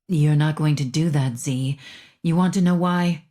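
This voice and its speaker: A woman voicing a cold, mocking female captor in an audiobook, speaking with quiet menace. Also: deep voice, a little slow. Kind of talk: audiobook character voice.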